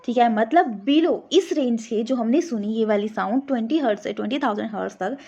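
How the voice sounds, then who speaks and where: High-voiced woman teaching physics, lo-fi. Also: brisk, warm tone, faint music behind. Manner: explains step by step, keeps asking "samajh aa gaya?" to check. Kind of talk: exam-prep physics lesson.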